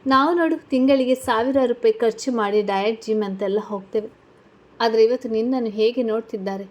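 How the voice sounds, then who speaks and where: A woman's voice: on the high side, a little fast, lightly acted. A woman voicing a confident, glamorous young female model student in a read-aloud story, talking in a breezy, assured way. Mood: boastful. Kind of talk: storybook character reading.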